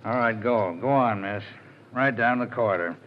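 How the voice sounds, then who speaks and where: An actor playing a gruff, put-upon policeman with a dry, dismissive manner in a 1940s radio drama. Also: medium pitch, normal speed, lightly acted. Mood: weary, dismissive. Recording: dull, noisy old radio recording.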